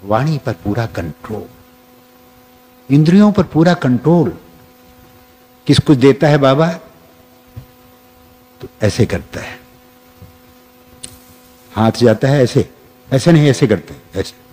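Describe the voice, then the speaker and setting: Slow, deliberate male spiritual teacher. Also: medium pitch, lively intonation, dark tone. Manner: slow, deliberate, with long pauses. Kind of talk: spiritual discourse.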